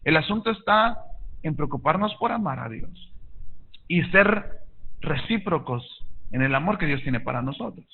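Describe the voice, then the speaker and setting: High-voiced man preaching, tinny audio. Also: expressive, moderate pace, husky. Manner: earnest preaching with call-and-response. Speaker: pastor. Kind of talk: sermon. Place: church.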